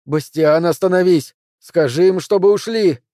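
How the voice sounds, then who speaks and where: A man voicing a panicked woman running a séance, in a strained voice that rises to shouts in an audiobook. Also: fairly high pitch, sing-song, normal speed, no echo, clean studio sound, voice pushed up. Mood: frantic. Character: panicked woman medium, shrill, pleading. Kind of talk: audiobook character voice.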